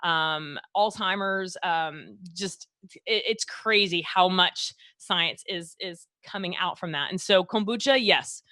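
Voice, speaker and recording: A doctor with a Texas accent hosts a health podcast in a loose, chatty style, full of fillers and restarts. Her voice sits on the low side with a sharp tone, and she speaks slowly. There is no echo.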